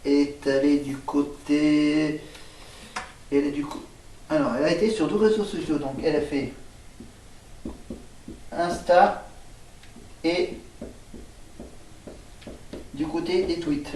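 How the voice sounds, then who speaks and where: Man rambling slowly through a home vlog, lots of uh and restarts, sounds kinda far from the mic in an echoey room. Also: fairly high pitch, fairly even intonation, mellow, slight background noise. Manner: hesitant, many fillers and restarts. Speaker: vlogger. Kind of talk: rambling casual vlog, spelling words aloud.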